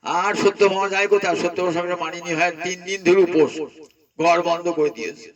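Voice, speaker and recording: High-voiced man preaching a story sermon. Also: fast, distant mic, dull audio, a crowd in the background. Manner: animated, acts out voices. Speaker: Vaishnava preacher.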